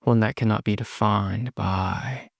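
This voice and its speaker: A man's low, gravelly voice guides listeners through a meditation, holding a steady tone throughout. He moves very slowly and soothingly, breaking his words into short phrases with long pauses, and the clean studio recording has no echo.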